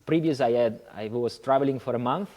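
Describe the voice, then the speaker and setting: Mellow Italian-accented man, relaxed. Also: medium pitch, brisk. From Italy. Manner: relaxed, hesitant, many fillers. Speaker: guest, yoga teacher. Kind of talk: casual interview talk.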